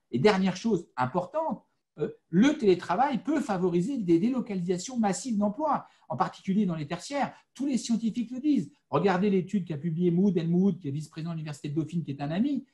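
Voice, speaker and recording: High-voiced man from the Vosges. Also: warm tone. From France, Vosges. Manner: measured, explanatory, with frequent fillers. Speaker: panel speaker. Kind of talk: panel discussion.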